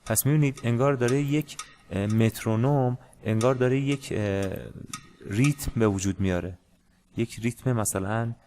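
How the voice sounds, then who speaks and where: A man teaching a music lesson in a casual, hesitant way, with many pauses and fillers. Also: mid-range voice, dark tone, a little hiss or hum. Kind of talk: casual screen-share lesson.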